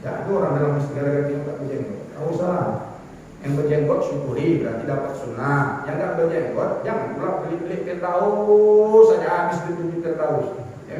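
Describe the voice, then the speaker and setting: Lively high-voiced preacher man in echoey hall. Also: slight background noise. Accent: North Sumatran Malay. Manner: lively, joking, mimics voices. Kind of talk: religious lecture. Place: mosque hall. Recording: echoey hall, far from mic.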